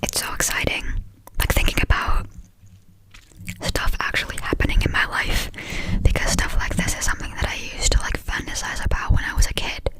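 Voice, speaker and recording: A young woman from Finland whispering a fast, scattered, casual ASMR ramble with breathy delivery and frequent hesitations while chewing gum. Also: low-quality recording. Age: young adult, about 18. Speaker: ASMR creator.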